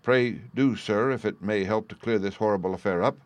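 An earnest young gentlewoman from a classic storybook, as a male narrator plays her. She speaks politely and with pleading emphasis, the pitch lifted a little above a man's usual talk. The sound is dry and close. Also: fairly quick, no room sound, close to an everyday voice. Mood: polite, eager.

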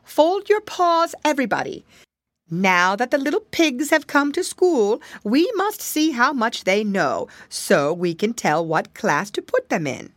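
A woman's voice: fairly high pitch, big pitch swings, no echo, voice pushed up. A woman doing a prim, stern ladybug schoolteacher. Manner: slow, firm, commanding.

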